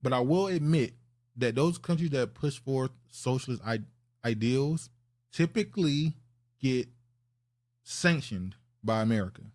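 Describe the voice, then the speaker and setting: A man's voice: medium pitch, lively intonation, measured pace, a little mellow. A man co-hosting a podcast in casual chat, explaining and rephrasing his points as he goes. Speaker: podcast co-host.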